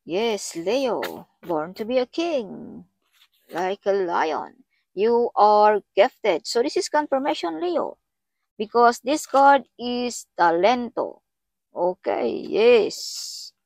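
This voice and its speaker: A woman's voice: on the high side, sing-song, drawn-out words, vocal fry, pauses often, darkish tone, no room sound. A woman with a Filipino accent giving a tarot reading to viewers, switching between Filipino and English and addressing listeners by their star sign. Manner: mixes English into Filipino speech, repeats the sign name. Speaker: tarot reader.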